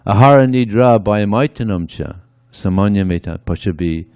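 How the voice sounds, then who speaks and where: A man's voice: lowish voice, moderate pace, a little mellow, smooth, dry recording. A man giving a conversational devotional sermon, often adding "yeah" between points. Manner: conversational, frequent "yeah" asides. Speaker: speaker at a temple.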